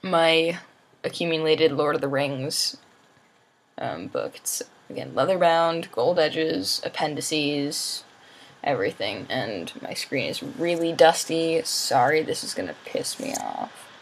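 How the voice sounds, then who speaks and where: A sleepy young adult vlogger talks in a loose, rambling way, with plenty of filler words and casual swearing. The voice has a gravelly, fried edge. The pitch rises and falls widely through each thought. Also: big pitch swings, slow pace, slight background noise. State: sleepy and tired.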